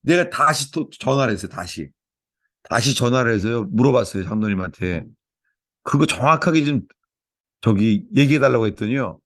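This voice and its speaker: Korean pastor, dry close sound. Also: male voice, medium pitch, lively intonation, moderate pace, no echo. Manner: earnest, storytelling, many repetitions. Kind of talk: sermon with opening prayer.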